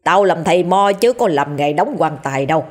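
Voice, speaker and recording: A woman voicing a scrawny, rude old male village shaman who talks in gruff insults. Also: unhurried, a little mellow. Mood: scornful, angry. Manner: gruff, insulting, low-voiced.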